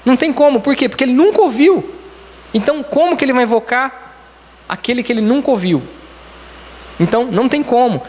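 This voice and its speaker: A man's voice: very high-pitched, lively intonation, a little fast, pauses often, a little mellow. A man with a Brazilian Portuguese accent preaching a conversational sermon as a church elder. He explains each point step by step in a plain teaching tone and keeps saying "então, assim.". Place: church hall. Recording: church hall with long reverb.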